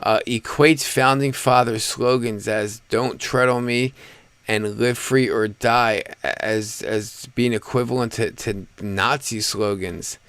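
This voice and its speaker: A man from the United States hosting a live stream, talking in a relaxed, halting, rambling way about the news. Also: mid-range voice, clean tone, dry recording. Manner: laid-back, halting and rambling. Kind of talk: casual political chat.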